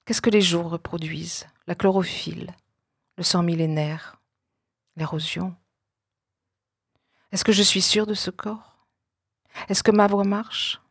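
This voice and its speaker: A woman with a lowish voice recites spoken-word poetry in a deliberate, incantatory way, breaking her lines into short fragments. The sound is dry and close, with no room around it. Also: fairly even intonation, breathy edge, dry recording. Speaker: poet.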